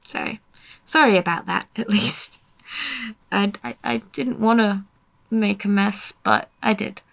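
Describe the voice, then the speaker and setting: A woman's voice: medium pitch, steady tone, takes it slowly, vocal fry, fairly bright tone. A young woman giving a casual voiceover about her painting, tired and yawning, grumbling at herself in a self-deprecating way. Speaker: artist narrating her painting.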